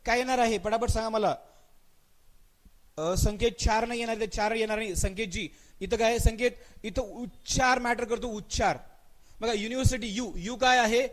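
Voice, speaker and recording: A man with a fairly high voice and a Marathi accent runs a live online grammar class. He quizzes students by name, answers his own questions and repeats them, and slows right down to spell out English example sentences. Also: fairly bright tone. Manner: mixes English words into his speech, stretches out spoken example sentences.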